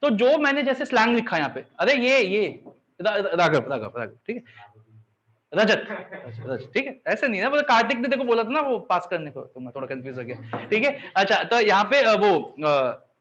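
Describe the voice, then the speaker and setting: A man with a high voice leads a live revision class, firing quick checks at his students and making them recite points back. The sound is dull and lo-fi. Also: big pitch swings, fairly bright tone, a little hiss or hum. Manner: checks understanding often, drills students by call and response. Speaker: teacher.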